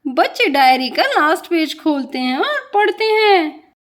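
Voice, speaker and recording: High-voiced lady reading a kids doll story, slow and plain. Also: sing-song. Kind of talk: scripted narration for children.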